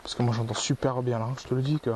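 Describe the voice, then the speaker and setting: A man's voice: mid-range voice, steady tone, very fast, a little mellow, slight background noise. Rambling man in a forest. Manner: rambling, explains his gear at length. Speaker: paranormal investigator, channel host. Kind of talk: casual on-location commentary. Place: forest outdoors at night.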